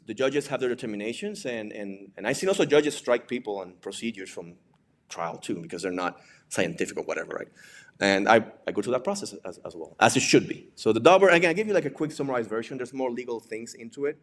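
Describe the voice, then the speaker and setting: Speaking quickly and with animation, this mid-range male presenter carries a Puerto Rican accent; Spanish is his first language. The digital forensics examiner and instructor lectures informally, checking in with rhetorical questions and ending points with "right?".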